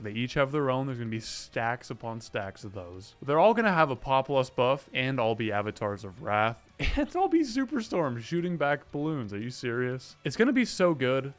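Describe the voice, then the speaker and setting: Man, casual gameplay commentary, excitable, slangy, loud yelps at close calls, mid-pitched voice, faint game music behind. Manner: casual slang and mild swearing. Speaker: gaming YouTuber.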